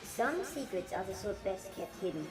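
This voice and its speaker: A woman's voice: medium pitch, very animated, normal speed, roomy sound, lightly acted. A woman voicing a teasing, sinister winged woman in amateur game voice acting. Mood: coy taunting. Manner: coy, taunting, amateur acting. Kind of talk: amateur game dialogue reading. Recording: music behind the dialogue.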